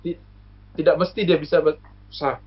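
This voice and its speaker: Fairly high in pitch and slightly rough, this man talks quickly in a level tone. A guest and former university student from Lombok, Indonesia, he patiently lectures through a casual chat with many hesitations and examples, and the lo-fi recording sounds muffled.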